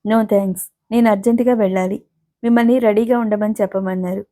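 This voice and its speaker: A woman voicing a polite, shy young man in a hurry, speaking courteously and briskly in a storybook reading. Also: high voice, steady tone, dark tone.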